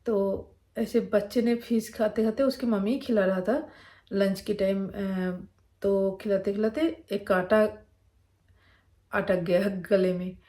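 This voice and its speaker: A woman's voice: medium pitch, steady tone, slow, mellow. A woman from Bengal with a Bengali accent, telling a personal story in a casual, rambling way with many fillers and restarts. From Bengal, India. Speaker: vlogger.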